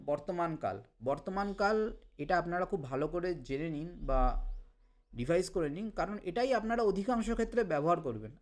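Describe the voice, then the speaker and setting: A man with a Bengali accent teaching a language lesson, repeating example phrases slowly for learners. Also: sits high, darkish tone. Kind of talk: explanatory lesson.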